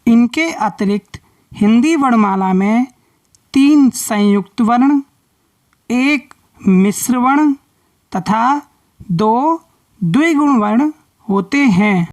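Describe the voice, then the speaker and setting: Slow, clear-spoken woman teaching children. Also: a little high, animated, darkish tone, no room sound, studio quality. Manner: slow and deliberate, clearly spelling out letters. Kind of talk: children's lesson.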